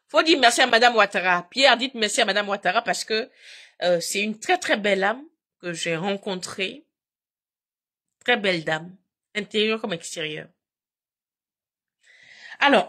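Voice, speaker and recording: A woman chatting casually to her live viewers, telling stories in an animated, repetitive way and addressing them directly. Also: medium pitch.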